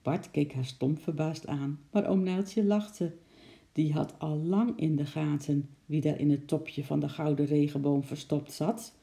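A woman reading a children's story aloud in a steady storytelling manner. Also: low-pitched, a little slow, creaky.

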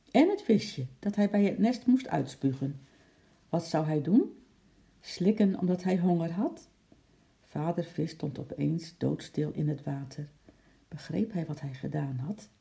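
Expressive children's storyteller, gravelly, deep dark colour, playful sound effects.

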